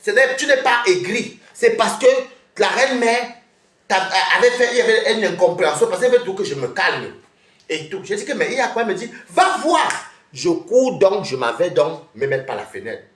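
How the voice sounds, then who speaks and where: Female streamer, confrontational and mocking, very lively delivery, roomy echo. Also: mid-range voice, normal speed. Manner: confrontational, scolding, laughs mockingly. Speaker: live streamer. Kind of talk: heated live-stream rant. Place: at home.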